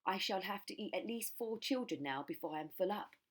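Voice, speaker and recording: A woman's voice: mid-range voice, lively intonation, a little fast, pitched above the performer's own voice, close to an everyday voice. A woman voicing an enormous, greedy, scheming male crocodile in a children's story, relishing every word. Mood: hungry, grumbling.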